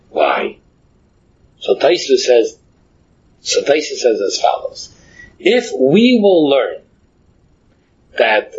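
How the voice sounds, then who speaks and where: A man with a very raspy, husky voice and a Yiddish accent delivers a Talmud lesson in English. His voice sits a bit higher than most men's. He reasons aloud, halting and repeating words as he explains. The recording is dull and lo-fi. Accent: Yiddish-inflected English. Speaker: Talmud teacher. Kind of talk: Talmud lecture, thinking aloud.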